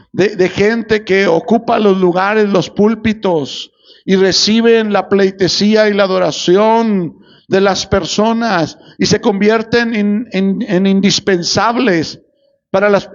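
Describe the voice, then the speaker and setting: A man's voice: sits high, dull audio. A man preaching a sermon as pastor, posing rhetorical questions and answering them himself, and calling on the congregation for amens.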